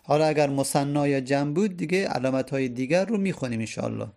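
A man's voice: mid-range voice, gravelly, a little mellow. A man teaching an Arabic grammar lesson, explaining each point patiently and repeating it step by step.

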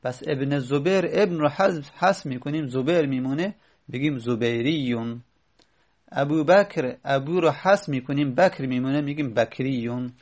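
A man teaching a grammar lesson, patient and explanatory. He repeats each step, stops to think aloud with fillers and slows down on the key examples. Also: mid-range voice, darkish tone.

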